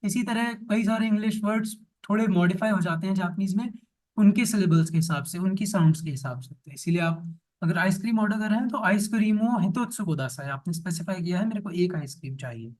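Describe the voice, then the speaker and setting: A man teaching Japanese restaurant phrases in Hindi, saying each example sentence slowly and repeating it. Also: sits high, a little mellow, distant mic, poor audio. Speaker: language teacher.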